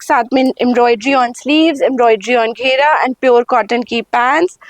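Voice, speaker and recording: High-voiced woman pitching clothes, slow. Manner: Hindi-English mix, swings between slow lingering prices and quick rundowns. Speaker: boutique sale presenter. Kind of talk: sales pitch showing garments.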